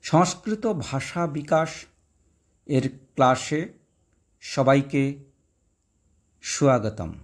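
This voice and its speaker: A man teaching a recorded Sanskrit class, breaking words into syllables and pronouncing them slowly. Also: medium pitch, expressive. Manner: slow, syllable-by-syllable pronunciation drills.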